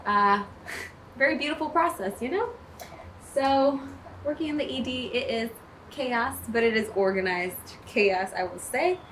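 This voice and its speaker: In a plain, panelled room, a young emergency nurse from Maryland talks cheerfully to a camera held in front of her for a casual video application, laughing often. Her fairly high, slightly bright voice moves a little slowly, and the low-quality recording has slight background noise.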